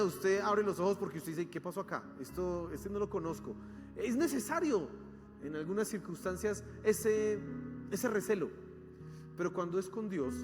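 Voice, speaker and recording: A Colombian man preaching a sermon as pastor, with lively, dramatic delivery and questions thrown to the congregation. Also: high voice. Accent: Colombian Spanish. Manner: animated preaching, acting out cries and questions to the congregation. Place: church hall. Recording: long hall reverb with soft instrumental music. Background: soft instrumental music.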